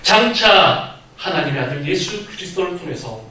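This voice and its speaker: A man preaching a Sunday sermon as pastor, telling the story vividly and acting out quoted lines with sudden loud outbursts. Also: high-pitched, expressive, normal speed. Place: church sanctuary. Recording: very echoey hall, mic at a distance.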